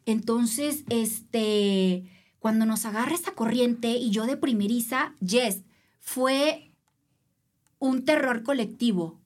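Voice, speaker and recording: Mexican woman guest, higher voice, animated storyteller who mimics the people in her story. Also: takes it slowly. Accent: Mexican Spanish. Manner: animated, acts out voices of others. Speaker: guest, triathlete. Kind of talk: casual interview storytelling.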